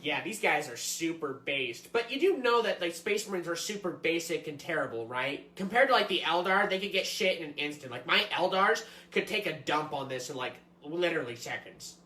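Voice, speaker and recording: A man's voice: on the high side, animated, normal speed, hardly any pauses, pushed and bright. A man playing a smug, pedantic hobby snob, condescending and nitpicking in a comedy sketch. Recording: roomy echo.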